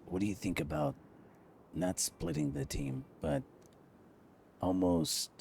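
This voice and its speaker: A man's voice: low voice, very animated, takes it slowly, vocal fry, a little mellow, slight background noise. A man in a casual in-character roleplay conversation, asking questions and chatting along. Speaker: roleplay player.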